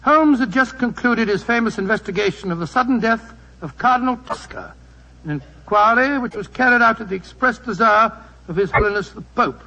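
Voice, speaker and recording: An actor playing a genial, rambling older English doctor who recalls adventures in 1940s radio style. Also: male voice, high voice, animated, a little fast, pushed and bright, heavily acted. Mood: reminiscing. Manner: avuncular, hearty, rambling storyteller. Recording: muffled 1940s radio broadcast recording.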